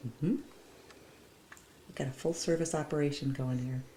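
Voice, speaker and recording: A woman's voice: extremely low pitch, steady tone, measured pace, mellow. An older woman, the grandmother, chatting at home and talking baby talk for a baby, picked up by a camcorder mic. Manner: coos and talks for the baby in baby talk. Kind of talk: casual home video chat.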